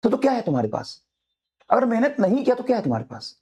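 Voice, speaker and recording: High-pitched man, teacher, fiery motivational talk to students, hammers the same lines again and again. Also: wildly swooping pitch, quick pace, mellow, husky. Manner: fiery, repetitive exhortations.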